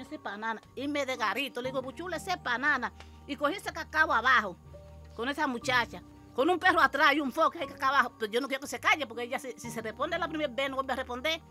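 An older woman, animatedly telling an interviewer her story as a mother and acting out the shouts and quotes in it. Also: high-pitched, fast talker, soft background music.

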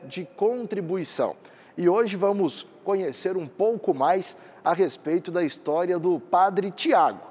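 Upbeat male TV reporter, slightly high, husky tone, long room reverb. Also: darkish tone. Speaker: TV reporter interviewer. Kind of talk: TV interview.

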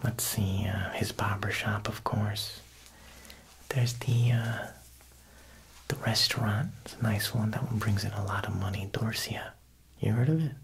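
In a rough recording, a young man whispers unhurriedly in a lowish, creaky, husky voice. This ASMR roleplay has him as a tailor who's a faintly menacing, joking Italian mob boss, with wiseguy turns of phrase and frequent "huh" tags.

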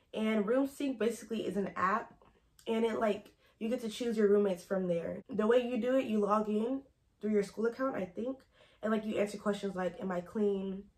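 A young college woman talking casually to her camera, rambling and easily sidetracked as she gives advice. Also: medium pitch. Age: young adult. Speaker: vlogger. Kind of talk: casual chatty advice vlog.

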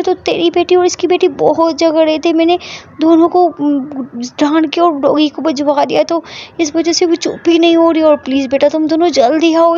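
A stern middle-aged mother who scolds loudly, as a woman storyteller acts her out. The voice is high and slightly gravelly. The sound is dull and lo-fi. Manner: scolding, shouting.

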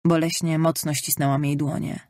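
A woman narrating a novel in the first person, calm and measured, in a studio. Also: low voice, no room sound. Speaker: audiobook narrator.

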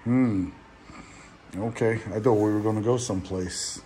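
A man's voice: fairly low pitch, steady tone, unhurried, mellow, low-quality recording. A man vlogging casually while riding outdoors, narrating what he sees and teasing his wife. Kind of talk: casual chat. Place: outdoors on a bike ride in a village. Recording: outdoor recording with noise behind.

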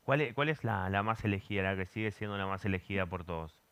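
Deep-voiced young TV host. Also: male voice, fast, fairly bright tone, smooth, no room sound. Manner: rambling questions with restarts. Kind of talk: TV studio interview. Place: TV studio.

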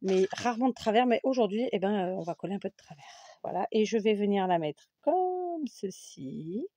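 A woman's voice: mid-range voice, sing-song, normal speed, mellow, no room sound. A woman hosting a casual scrapbooking tutorial, chatty and full of fillers, correcting herself as she works at a craft table.

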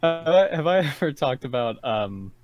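Slow, exasperated man with swooping pitch. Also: sing-song, over music. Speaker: podcast co-host. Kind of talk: casual comedic chat.

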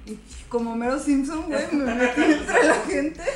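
A woman's voice: high voice, moderate pace, echoey room. A Mexican woman around thirty, telling a story in slangy casual chat and acting out the quotes. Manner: animated, slangy, acts out quotes. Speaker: guest. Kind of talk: casual storytelling among friends.

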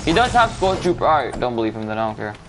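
A man's voice: mid-range voice, big pitch swings, very fast, gravelly, music in the background. A young man chatting over a headset during an online game, teasing and swearing. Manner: profane, teasing. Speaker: gamer in voice chat. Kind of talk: casual gaming chat. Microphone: headset over online voice chat.

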